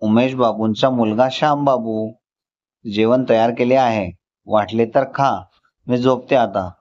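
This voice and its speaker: A man's voice: mid-range voice, fairly even intonation, measured pace, a little mellow, lightly acted. A man voicing a sleepy, blunt old mother in a storybook, with an offhand reading. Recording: slightly dull lo-fi recording.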